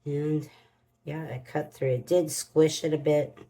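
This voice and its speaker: A woman's voice: low-pitched, steady tone, a little slow, warm tone, a little hiss or hum, rough recording. A woman hosts a casual crafting vlog, muttering to herself as she works in homespun phrasing. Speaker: crafting channel host. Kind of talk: casual unboxing and demo vlog.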